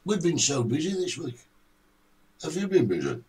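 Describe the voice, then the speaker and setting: A man's voice: fairly high pitch, wildly swooping pitch, normal speed, darkish tone, slightly rough, recorded from a distance. A middle-aged man co-hosting a show with casual, opinionated chat in a colloquial way. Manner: chatty, colloquial, mild British swearing.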